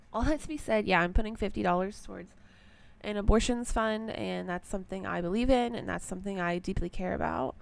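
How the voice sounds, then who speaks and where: A woman's voice: lowish voice, vocal fry. A young woman, scratchy from just waking up, talking through her budget in a rambling casual vlog with many ums and likes. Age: young adult. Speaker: personal finance vlogger.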